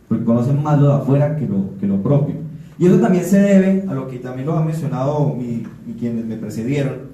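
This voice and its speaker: With a slightly high, warm voice, this panel speaker from Putumayo, Colombia, gives a sincere talk at a forum. He keeps restarting and repeating words, and the recording is echoey with him far from the mic.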